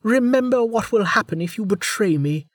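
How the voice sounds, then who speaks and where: A man's voice: high voice, expressive, normal speed, no echo, studio quality, voice pushed up. A man voicing a fierce masked woman fugitive who speaks in a cold, snappish and menacing way. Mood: furious.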